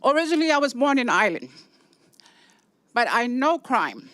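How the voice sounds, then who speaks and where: A woman's voice: on the high side, sing-song, moderate pace, a bit bright, no echo. An older woman from San Francisco giving a rambling, chatty public comment at a city meeting, laughing between points.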